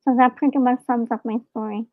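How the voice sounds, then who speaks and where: A woman's voice: on the high side, steady tone, brisk, dry recording. A woman from Hong Kong, an author being interviewed live over a call, speaking earnestly and reflectively. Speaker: author and guest. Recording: dry, phone-like call audio.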